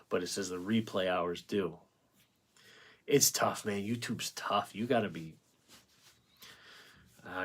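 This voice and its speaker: A man with a somewhat low voice, gone a little hoarse after hours of talking, hosts a painting livestream from home. He chats casually and rambles, thanking viewers by name and answering the chat as he goes. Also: fairly bright tone. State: voice going hoarse from long talking. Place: home painting setup with ring light.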